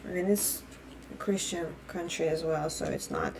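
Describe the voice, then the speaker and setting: This young adult woman from Russia has a low-pitched voice with huge pitch swings and a moderate pace, heard against a noisy background. As a vlogger she delivers a heated opinion rant, swearing heavily, speaking bluntly, and restarting often.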